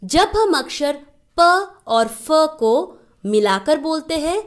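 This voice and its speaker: Slow, lively-voiced woman teaching phonics. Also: high voice. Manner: drawn-out letter sounds, patient instructions to children. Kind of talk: slow children's phonics lesson.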